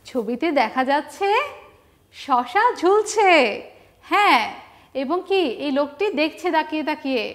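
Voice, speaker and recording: A woman with a Bangladeshi Bengali accent teaching a first-grade alphabet lesson, stretching words slowly and prompting children to repeat after her. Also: sits high, animated. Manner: slow, stretched call-and-response drilling of words; encouraging, sing-song prompting of children. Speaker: primary school teacher.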